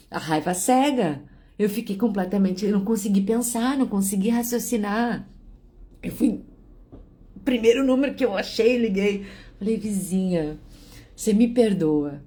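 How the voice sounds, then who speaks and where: A woman casually telling a story, acting out both sides of her phone calls with lively switches of voice. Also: on the high side. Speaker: vlogger telling a personal story.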